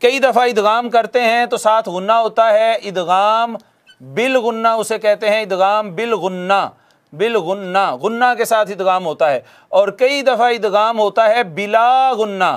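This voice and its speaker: A man teaching the rules of Quran recitation to a class, explaining step by step, posing questions and answering them, and repeating Arabic examples slowly. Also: high-pitched. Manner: addresses listeners formally. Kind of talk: classroom lesson on tajweed rules.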